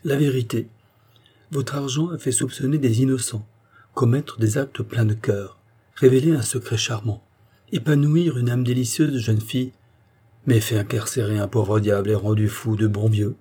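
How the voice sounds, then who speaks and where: Audiobook role: man voicing a sharp, self-assured detective, dark husky tone. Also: mid-range voice, steady tone. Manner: brisk and assured. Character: shrewd, brisk male detective. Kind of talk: audiobook character reading.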